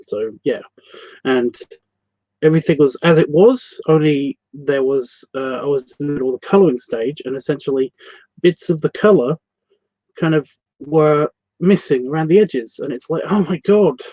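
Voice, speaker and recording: Here a Scottish man leads a laid-back art livestream from his computer, wandering off topic, correcting himself and dropping casual swear words. His fairly high voice is mellow and moves at a moderate pace. The lo-fi recording is dry and slightly muffled, with no echo.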